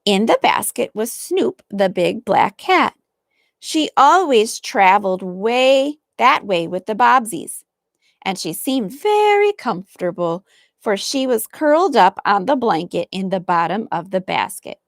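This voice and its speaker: Slow, gravelly woman reading aloud. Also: medium pitch, sing-song, no echo, studio quality. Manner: slow, clearly articulated reading. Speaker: English teacher reading aloud. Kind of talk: storybook read-aloud.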